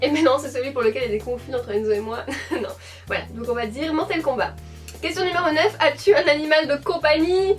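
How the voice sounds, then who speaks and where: A woman's voice: sits high, quick pace, recorded from a distance, faint music behind. A woman of twenty-four with a Belgian French accent from Hainaut, chatting casually to camera at home as a YouTuber, rambling along with fillers and self-corrections. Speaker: beauty YouTuber answering a tag. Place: at home, indoors.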